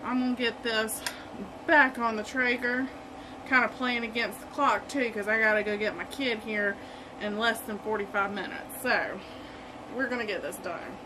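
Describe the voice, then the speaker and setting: A woman's voice: a little high, normal speed, background noise. A woman hosting a casual cooking vlog from her home kitchen, chatty and enthusiastic. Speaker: barbecue cooking host.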